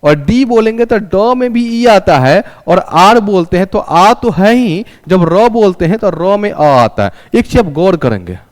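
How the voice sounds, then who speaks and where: A man's voice: high-pitched, lively intonation, measured pace, few pauses, big-room sound. A male teacher giving a classroom English lesson, asking questions and answering them himself and having students repeat after him. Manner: calls students "raja".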